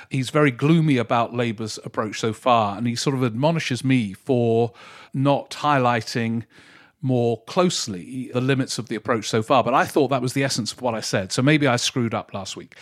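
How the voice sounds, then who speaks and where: A man hosting a solo podcast, talking through listener emails in a reflective, self-correcting way. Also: mid-range voice. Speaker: podcast host. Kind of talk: casual solo podcast commentary.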